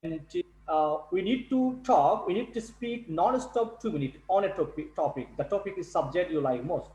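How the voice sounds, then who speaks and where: High-voiced male tutor, echoey call. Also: expressive, mellow. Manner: halting, repeats words, non-native English. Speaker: English test tutor. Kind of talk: online speaking class. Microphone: video call.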